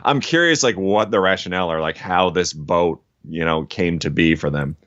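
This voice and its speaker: A man from Illinois joins a podcast as a guest, talking in eager, casual bursts full of fillers. His voice is very low for a man. The audio is dry and a little muffled. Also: normal speed, dry recording. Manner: enthusiastic, animated, many fillers. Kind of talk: casual chat.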